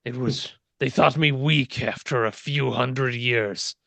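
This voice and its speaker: A man, as game master narrating, plays an ancient, bitter fallen king in a tabletop fantasy game. The voice is slow, haughty and menacing, with a creaky grain and a hard bright edge, full of contempt for humans. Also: mid-range voice, fairly even intonation, no echo. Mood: scornful.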